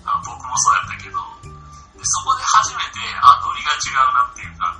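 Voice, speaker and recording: A man's voice: medium pitch, sing-song, quick pace, over music. A man from Okayama chatting casually on a video call, with many fillers and a laugh in his talk. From Okayama, Japan. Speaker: podcast co-host working at a university in Hawaii.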